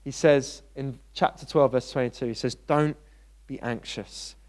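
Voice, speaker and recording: A man preaching a sermon in a church. He talks in a conversational way and gets animated when he tells stories. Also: medium pitch, measured pace. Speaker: pastor.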